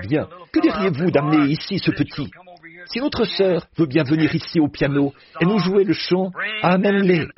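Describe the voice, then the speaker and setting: An older man preaching to a congregation, folksy and joking as he chats with the people in front of him. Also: a little high. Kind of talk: sermon. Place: church platform before a congregation. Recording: muffled old recording, audience heard.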